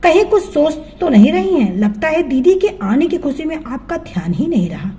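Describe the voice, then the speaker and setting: A woman's voice: high voice, big pitch swings, moderate pace, mellow. A woman voicing a cheerful, loving young daughter-in-law in a storybook tale, speaking in a playful, affectionate way.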